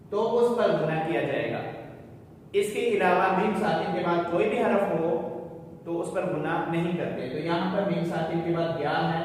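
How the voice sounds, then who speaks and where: A man with a fairly high voice leads a recitation class, calmly spelling out each rule before chanting the words slowly and drawn out. He sounds distant from the mic, and his voice rings with long reverb around a large hall. A faint low rumble sits beneath him. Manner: explains rules slowly, then chants the verses drawn out. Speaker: Quran recitation teacher. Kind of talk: classroom tajweed lesson. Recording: echoey hall, voice far from mic.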